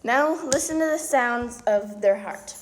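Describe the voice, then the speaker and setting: A young woman with the hiccups reads through a school science lab at home. Her voice sits a little high, and she breaks off for casual chatty asides. Faint background noise hums under the recording. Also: a little slow. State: has the hiccups. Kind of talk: casual home video chat.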